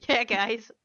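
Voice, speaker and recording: A woman's voice: high voice, pushed and bright, no echo, poor audio. A woman hosting a podcast, chatting in a bubbly, giggly way while she plays a video game. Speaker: podcast host. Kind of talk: casual chat while playing a video game.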